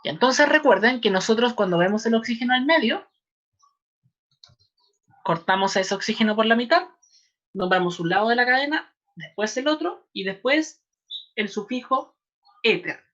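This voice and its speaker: A woman's voice: fairly high pitch, expressive, a bit bright. Patient Chilean woman teaching chemistry online. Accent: Chilean Spanish. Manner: patient, repeats names slowly, addresses students. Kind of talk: online class lesson. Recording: slightly dull lo-fi online class audio.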